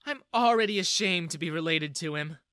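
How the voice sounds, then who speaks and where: A man's voice: on the high side, brisk, bright, forceful tone, dry recording, clean studio sound, pitched above the performer's own voice. A man doing a blunt, scornful teenage girl. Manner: blunt, eye-rolling.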